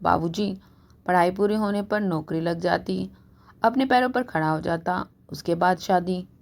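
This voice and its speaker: A woman's voice: fairly low pitch, measured pace, gravelly. A woman voicing a timid young male student who answers his father hesitantly and fearfully in a storybook reading.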